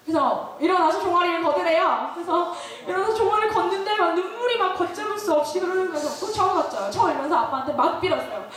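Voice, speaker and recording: A woman's voice: extremely high pitch, quick pace, hardly any pauses, a crowd in the background. A young woman giving a sermon, telling a personal story with laughter and questions to the listeners. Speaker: speaker. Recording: very echoey hall, distant mic.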